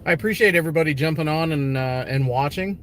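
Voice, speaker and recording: Higher-voiced man livestreaming over loud road noise. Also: fast. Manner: conversational, hesitant phrasing. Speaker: livestreaming storm chaser. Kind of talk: casual live commentary. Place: in a car on the road. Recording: noisy vehicle interior, road noise.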